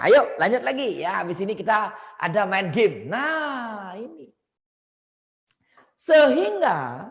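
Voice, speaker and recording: Woman seminar trainer, very lively pitch, reverberant hall, playful. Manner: animated, acts out sample dialogues, laughs often.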